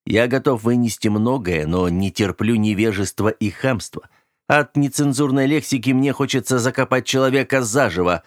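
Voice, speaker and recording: A pleasant, self-assured young man with a chilling edge, as a male reader puts him on, read a little higher than the reader's own voice. He moves between light banter and cold, measured calm. The sound is close and dry. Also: no room sound, close to an everyday voice. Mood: steely. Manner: cheerful, then cold and clipped. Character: genial but menacing young man, calmly dominant. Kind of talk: audiobook character voice.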